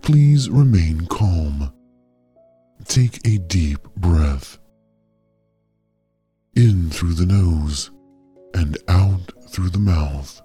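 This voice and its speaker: An actor playing a calm, coldly polite AI caretaker, a gentle care robot that speaks in a soothing, measured, clinical way. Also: male voice, sits low, slightly rough, faint music behind, full character voice. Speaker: AI overseer of a medical trial. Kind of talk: audio drama narration.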